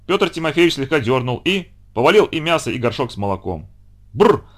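A man reading a children's story aloud with expressive, dramatic narration. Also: medium pitch, fast talker.

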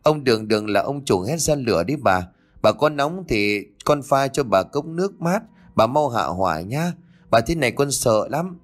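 A man's voice: medium pitch, expressive, moderate pace, close to an everyday voice. A man voicing a timid young servant girl who wails and pleads with her mistress. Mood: pleading fearful. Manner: wailing, pleading.

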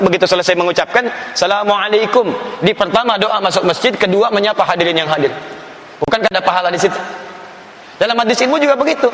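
A man delivers a religious lesson at a brisk clip, his voice pitched high and his delivery emphatic and animated. He works Arabic phrases into his teaching, and the sound rings through a large hall with a long reverb. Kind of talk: sermon-style religious lesson.

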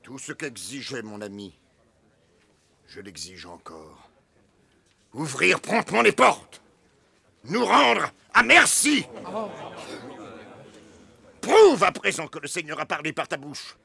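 A grieving, indignant elder in a classic stage drama. His gravelly, high voice swings widely between bitter murmurs and shouted rebukes. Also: wildly swooping pitch, brisk, hardly any pauses, heavily acted. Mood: impassioned. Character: grieving elder, friend of the slain brother.

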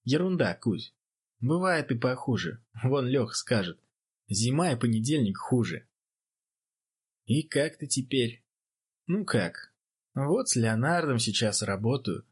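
A man voicing a big, easygoing young male boxer who talks in a loud, bluff way, in an audiobook. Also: mid-range voice, lively intonation, unhurried, long pauses, husky.

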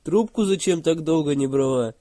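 A man's voice: fairly high pitch, moderate pace, mellow, no echo, clean studio sound. A man prank calling in casual, persistent phone chat, with a speech impediment on his r sounds. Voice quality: mispronounced r, burry speech impediment. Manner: persistent, repeats questions. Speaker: prank caller. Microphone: telephone.

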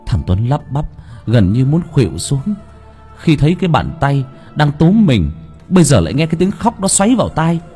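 A man narrating a horror audiobook in an expressive, dramatic way. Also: a little high, normal speed. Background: faint background music.

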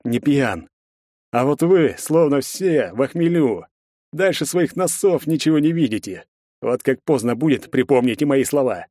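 A man doing a drunk, bitter young brother for a storybook reading, with a raised, loud voice that jeers and sneers at everyone. The recording is dry and close, with no room sound. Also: medium pitch, animated, normal speed, no echo, voice pushed up, lightly acted. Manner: sneering, jeering. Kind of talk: audiobook character voice.

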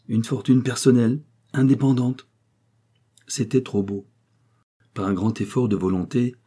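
A man narrating a classic novel as an audiobook in a measured, expressive reading. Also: lowish voice, husky.

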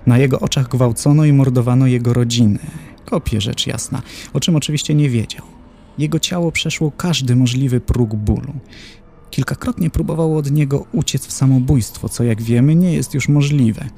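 A man's voice: mid-range voice, normal speed, creaky, dark tone, natural voice. A man playing a formal, clinical dignitary of hell who lists tortures in a horror audiobook.

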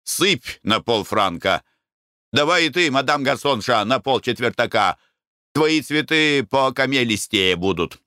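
A man voicing a coarse, rowdy middle-aged merchant who shouts and curses boisterously. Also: medium pitch, animated, measured pace, no echo, studio quality. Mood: gleeful scheming.

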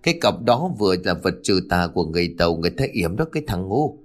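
Brief: old village woman, bossy and harsh, voiced by a man, lively swings, ghost story. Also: low-pitched, fast. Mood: scolding. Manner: harsh, scolding shouts.

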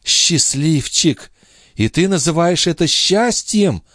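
A man voicing Lorenza, a passionate, sorrowful young clairvoyant wife, in a high, imploring, tearful tone in an audiobook reading. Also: lively intonation, a little slow, darkish tone, no room sound, clean studio sound, natural voice. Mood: scornful.

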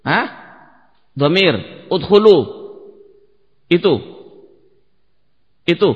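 A male Indonesian-accented teacher drills his students on grammar, firing questions and correcting their answers with Arabic phrases woven in. His voice sits fairly high for a man and rings with a long reverb through a mosque hall, captured on a dull, lo-fi recording. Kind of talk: classroom lesson with quizzing of students.

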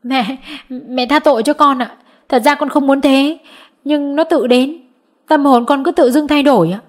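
A woman's voice: high-pitched, normal speed, pitched above the performer's own voice, close to an everyday voice. Woman voicing tearful young girl Thụy. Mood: pleading. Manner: tearful, pleading. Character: anxious lovesick teenage girl Thụy.

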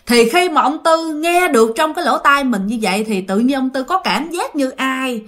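A woman's voice: sits high, lively intonation, normal speed, fairly bright tone. A woman with a Southern Vietnamese accent telling a ghost story casually, chatty and speaking directly to listeners. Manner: chatty, addresses listeners directly, many fillers.

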